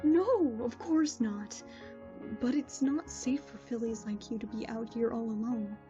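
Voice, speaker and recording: A woman plays a kind, motherly pony princess with a mellow, soft-edged voice that sits a little high. She speaks calmly and patiently. The recording sounds slightly dull and lo-fi, with faint music underneath. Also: measured pace, lightly acted.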